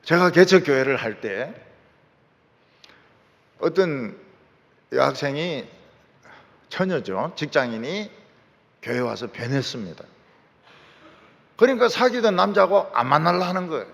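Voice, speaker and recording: A man preaching a sermon as pastor, fervent and at times shouting out his lines. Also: on the high side, sing-song, a little slow, gravelly, long pauses. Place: large church sanctuary. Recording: church hall with long reverb.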